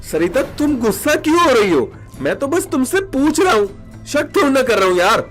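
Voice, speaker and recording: A man voicing an earnest young husband and son in an animated story, gently reassuring. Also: extremely high pitch, normal speed, exaggerated voice. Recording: background music under the voice.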